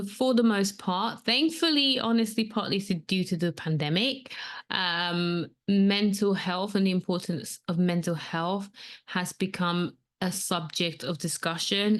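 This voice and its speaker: A woman in her thirties who grew up in Nigeria talks through a solo podcast episode. Her voice sits a little low, and she speaks earnestly and casually, with plenty of ums and likes as she thinks aloud. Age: 30s. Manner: earnest, conversational, many fillers. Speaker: podcast host and coach.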